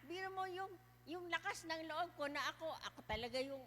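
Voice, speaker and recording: A woman with a high voice tells her story as a casual testimony. She is lively and laughs often as she talks. Her voice carries a long, echoey reverb. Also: fairly quick, slight background noise. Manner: lively, laughs often while telling stories. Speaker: guest sharing a testimony.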